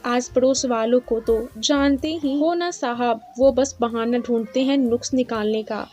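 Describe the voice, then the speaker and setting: एक महिला की आवाज़ में डांटती तेज़ ज़ुबान सास. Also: female voice, on the high side, unhurried, natural voice. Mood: scolding. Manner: scolding, bossy. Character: sharp-tongued older mother-in-law, scolding. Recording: slightly dull lo-fi with soft music.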